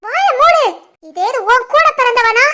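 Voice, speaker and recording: Shrill scolding village mother-in-law. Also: brisk, bright, forceful tone. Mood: furious. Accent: Tirunelveli Tamil. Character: furious middle-aged village mother-in-law. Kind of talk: animated family drama voice acting.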